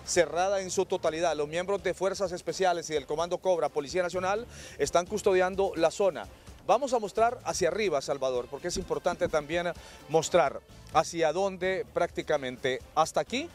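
A man's voice: high voice, normal speed, soft background music. A man with a Honduran accent reporting live from the street and putting questions to residents. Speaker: field reporter. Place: outdoors on a street. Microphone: handheld microphone.

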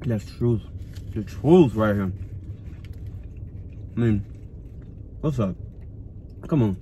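A man, talking with his mouth full in a blunt, joking way while reviewing fast food. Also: on the low side, animated, dark tone, a little hiss or hum. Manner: blunt, joking, swears casually. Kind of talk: casual car food review. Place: parked car.

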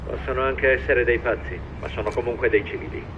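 Un attore che interpreta un comandante calmo e misurato, che dà ordini via radio. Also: male voice, mid-range voice, highs cut off, noisy background. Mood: calm orders. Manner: calm, measured, giving orders. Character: composed male commander issuing orders by radio. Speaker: field commander. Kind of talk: video game dub acting.

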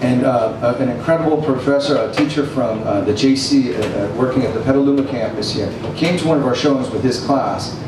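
Speaking a little fast with hardly any pauses, a middle-aged film panelist at medium pitch answers the audience's questions, breezy and full of slang. He holds a handheld mic in a small cafe gallery, and a far-off camera records the echoey, noisy space.

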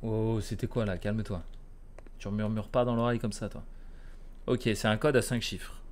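A man's voice: lowish voice, fairly even intonation, normal speed. A man in his thirties casually commenting live on a horror game and chatting with his viewers, muttering to himself with bursts of exclamation. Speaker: streamer playing a horror game. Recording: clearly noisy, game ambience behind. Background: horror game ambience.

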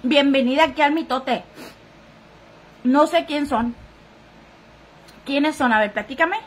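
On her casual gossip stream, a woman talks slowly in a high-pitched voice, chatting directly with viewers and thanking those who comment. She has a runny nose and sniffles occasionally.

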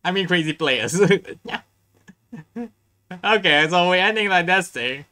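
A reaction video host giving casual live commentary in a halting way, often repeating words and chuckling. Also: medium pitch, lively intonation, sharp tone.

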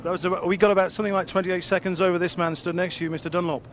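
A man interviews live at the trackside, talking fast and tripping over repeated words. The radio link is dull, with faint noise behind him. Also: sits high, flat delivery. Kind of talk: live unscripted sports interviewing. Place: outdoors at a race circuit.

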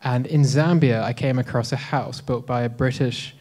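A man in his twenties from South Africa tells a relaxed, self-deprecating story to an audience, often pausing on "um", speaking into a handheld microphone in a dim hall. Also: mid-range voice. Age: 20s. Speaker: speaker at a live talk event. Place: dim lecture hall with a projector screen.

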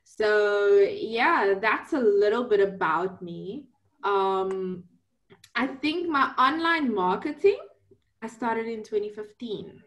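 Slow-talking South African woman on video call. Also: medium pitch, lively intonation, highs cut off. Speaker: guest. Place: small room indoors. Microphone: laptop webcam on video call.

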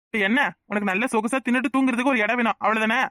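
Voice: medium pitch, fairly even intonation, racing, bright, forceful tone, no echo, studio quality, natural voice. A voice actor playing a hot-tempered, easily flustered young village husband in a cartoon comedy, with a Tirunelveli Tamil accent and scolding, exasperated rants. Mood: irritated.

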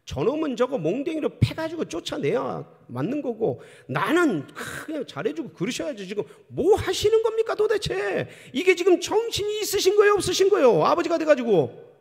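A male pastor acting out a resentful elder son who complains loudly and accuses his father. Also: high-pitched, steady tone, moderate pace, creaky, few pauses, pitched above the performer's own voice. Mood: indignant. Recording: long church hall reverb.

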